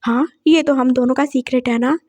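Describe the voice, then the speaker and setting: A gentle, trusting middle-aged father in a read-aloud story, voiced by a woman narrator. His lines come out high-pitched and reassuring. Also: steady tone, a little fast, close to an everyday voice.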